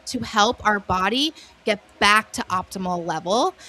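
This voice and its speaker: A woman's voice: mid-range voice, measured pace, sharp tone. A woman in her thirties or forties, a wellness guest on a radio interview, talking in an earnest, faith-based coaching way.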